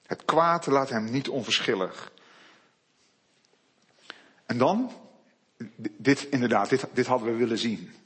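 A man preaching a sermon, reading Bible passages slowly and quietly, then building to loud, emphatic declarations. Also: mid-range voice, breathy edge.

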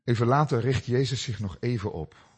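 A middle-aged man preaching a sermon, telling stories with dramatic swings between loud cries and hushed, low passages. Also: fairly quick, slightly rough. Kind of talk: sermon with personal story.

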